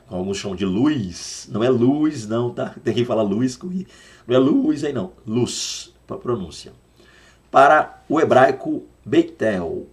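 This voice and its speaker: A man's voice: fairly low pitch, a little mellow. A Brazilian man leads a Bible school lesson in a teaching tone. He explains step by step and says key words again and again so that his students get the pronunciation right. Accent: Brazilian Portuguese.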